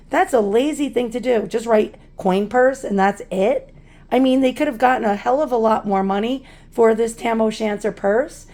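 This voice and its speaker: A woman with a hoarse, failing laryngitis voice giving casual, chatty unboxing commentary. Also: on the high side, mellow. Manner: chatty, informal. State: hoarse, losing her voice with laryngitis. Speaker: vlogger unboxing collectibles.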